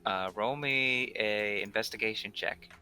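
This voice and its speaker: Low, bright-voiced man running a tabletop game. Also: soft background music. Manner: halting, searching for words. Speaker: game master. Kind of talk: improvised tabletop game narration.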